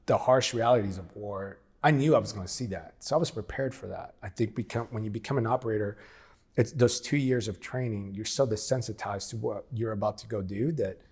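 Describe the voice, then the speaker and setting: A man's voice: lowish voice, a little fast, darkish tone, slightly rough. A man in his forties telling his story as an interview guest, frank and plain-spoken, often acting out past conversations. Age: 40s. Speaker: interview guest, former military operator.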